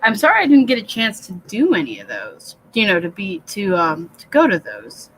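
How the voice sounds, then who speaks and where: Soft-spoken woman hosting a writing livestream. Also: wildly swooping pitch, normal speed, slightly rough, rough recording. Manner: rambling, self-deprecating, reads chat aloud; speaks low and soft, said to sound soothing. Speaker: livestream host of a writing session. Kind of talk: casual live-stream chat. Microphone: computer webcam mic.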